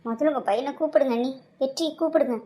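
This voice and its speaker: A woman's voice: high voice, fast talker, mellow, a little hiss or hum, natural voice. A woman voicing a fierce middle-aged mother in a cartoon drama, who defends her daughter with accusations. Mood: accusing. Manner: confrontational, accusing.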